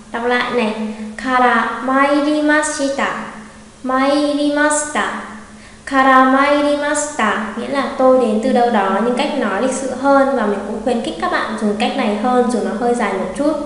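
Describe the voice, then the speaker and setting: A woman teaching an online language lesson, patiently repeating example phrases slowly. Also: on the high side. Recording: very echoey room with long reverb.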